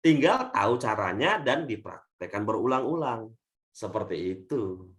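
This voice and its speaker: A man from Indonesia leads a leadership webinar on a video call, speaking in a sing-song way at a measured pace. His loudness rises and falls, he keeps addressing the audience as friends, and he calls his natural voice thin and shrill.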